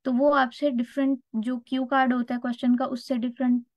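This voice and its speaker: A woman's voice: high voice, little pitch movement, fairly quick, no room sound. A woman teaching a test-prep lesson, explaining step by step and often checking in with her students. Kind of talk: online lecture. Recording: dull lo-fi dry recording.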